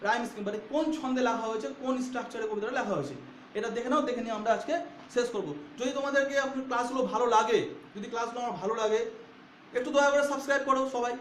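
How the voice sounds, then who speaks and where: A man's voice: very high-pitched, fairly even intonation, very fast, reverberant, a little hiss or hum. A man teaching a poetry lesson to students, repeating himself and often checking that they follow. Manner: repetitive, checks understanding with questions.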